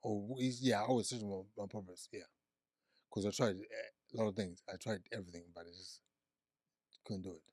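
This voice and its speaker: Speaking slightly fast in a lowish, steady, somewhat mellow voice, a Zimbabwean psychiatric nurse practitioner in his forties tells his life story as a guest in a casual interview. He keeps repeating words and restarting his sentences. The sound is dry and studio quality.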